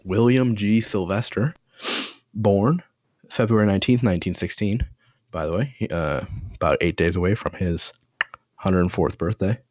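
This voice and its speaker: A man with a very low voice tells stories in loose, rambling casual chat, full of fillers and swearing. The sound is dry and a little dull and lo-fi, with no room around it. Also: moderate pace, a little mellow, no room sound. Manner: rambling storyteller, profane, lots of fillers.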